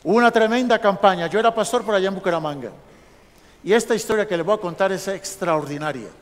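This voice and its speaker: A male pastor telling a lively story in a sermon, acting out the dialogue of the people in it. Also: sits high, fast. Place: large church sanctuary. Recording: long church hall reverb.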